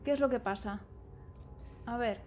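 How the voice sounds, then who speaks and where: A woman's voice: fairly high pitch, measured pace, darkish tone, soft background music. A young woman, commentating a video game she plays, nervous and exclaiming, talking to the characters on screen. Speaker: gaming streamer. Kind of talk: let's play commentary.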